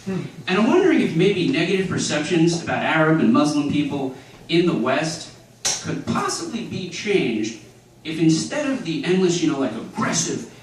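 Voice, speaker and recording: A man doing a stand-up comedy set, delivering deadpan one-liners and chuckling at his own jokes. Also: fairly high pitch, normal speed, few pauses. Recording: echoey club audio from a distance. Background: audience laughter and room noise.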